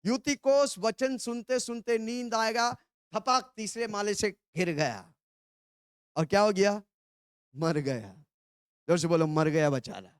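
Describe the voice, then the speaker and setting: A man from India preaching a call-and-response sermon, telling the congregation to repeat phrases and shouting hallelujahs. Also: high-pitched, unhurried, pauses often, clean tone, no room sound, studio quality.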